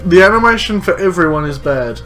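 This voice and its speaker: A man's voice: sits high, animated, a little fast. A man co-hosting a casual comedy show, joking and getting easily sidetracked. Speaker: podcast co-host.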